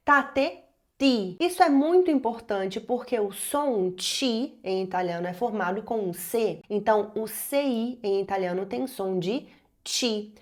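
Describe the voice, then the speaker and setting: A woman's voice: fairly high pitch, a little mellow. A Brazilian woman from Espírito Santo with a Brazilian Portuguese accent, teaching an online Italian lesson and carefully modeling each Italian word. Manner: clear, didactic, models Italian words slowly.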